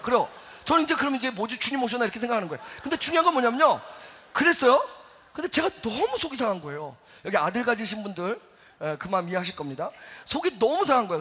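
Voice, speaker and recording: A middle-aged man preaching a sermon as a pastor, telling a story with lively acted-out quotes. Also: very high voice, racing, a little hiss or hum. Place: church sanctuary. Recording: church hall reverb.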